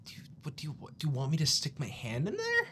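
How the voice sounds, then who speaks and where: A man's voice: a little high, huge pitch swings, quick pace, pushed and bright. A man casually playing a tabletop role-playing game and narrating his character in a mild, hesitant way. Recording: clearly noisy room recording.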